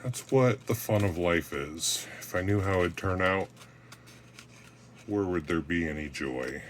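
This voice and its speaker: A man with a deep, low voice chats his way through a gardening vlog at home. He rambles, pokes fun at himself and drops corny dad jokes, with a faint hiss behind him. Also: measured pace. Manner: rambling, self-mocking, cracks dad jokes. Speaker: gardening vlogger. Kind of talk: casual how-to vlog.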